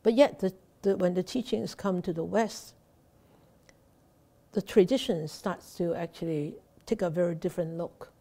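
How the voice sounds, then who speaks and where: A middle-aged Buddhist nun from Hong Kong with a Hong Kong accent, giving a slow, halting Dharma talk with many restarts, recorded on a laptop webcam in a temple shrine room. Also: female voice, fairly low pitch, mellow.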